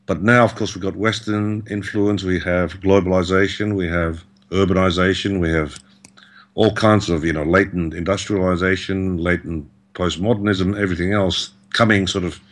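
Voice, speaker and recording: A man's voice: low-pitched, steady tone, moderate pace. A man, a guest artist speaking over a video call, reflective and hesitant with frequent fillers. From Australia. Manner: reflective, hesitant, many "you know" fillers. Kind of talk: conversational interview answer. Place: indoors in Beijing.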